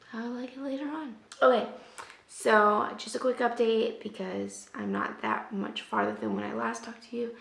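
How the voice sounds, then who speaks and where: A young woman chatting casually in a reading vlog, sick and losing her voice, often dropping to a soft half-whisper. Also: a little high, vocal fry, roomy sound. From US West Coast. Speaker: book vlogger. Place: at home.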